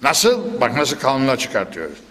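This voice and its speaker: A man preaching a Quran commentary lesson into a pulpit microphone, animated and full of sudden emphatic bursts and questions to his listeners. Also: medium pitch, moderate pace, slight background noise. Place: at a pulpit in a large reverberant hall. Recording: long hall reverb.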